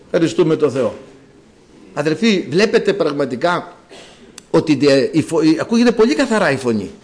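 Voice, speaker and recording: Male preacher, fairly high and very lively voice, emphatic sermon delivery. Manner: emphatic, swings between loud exclamations and quiet asides; reads scripture slowly and solemnly.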